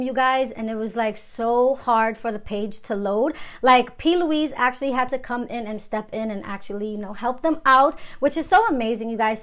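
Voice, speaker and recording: Gushing woman beauty vlogger, a touch high. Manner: gushing and excited, filler-heavy, keeps saying you guys. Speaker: beauty channel host. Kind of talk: casual on-camera intro and outro of a beauty vlog.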